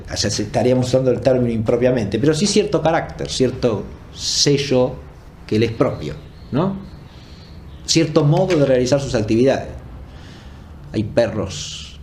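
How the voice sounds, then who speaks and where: A philosophy lecturer gives an off-the-cuff, explanatory academic lecture, speaking deliberately and often checking for agreement with short tag questions. He has a mid-range voice with a darkish tone, and there's slight background noise.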